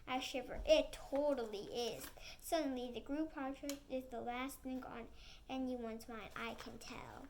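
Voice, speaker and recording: A woman's voice: sits high, fairly even intonation, a little slow, a little mellow, a little hiss or hum. A woman reading a chapter book aloud, with small slips and acted sound effects. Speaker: storybook reader.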